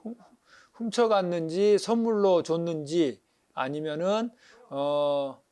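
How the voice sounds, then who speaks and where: Monk guy giving a lively talk, voice sits a bit high, keeps acting stuff out and asking the room questions. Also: takes it slowly, clear, resonant tone. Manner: animated, acts out crying animals, asks audience questions. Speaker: Buddhist monk lecturer. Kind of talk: lively dharma lecture on paintings.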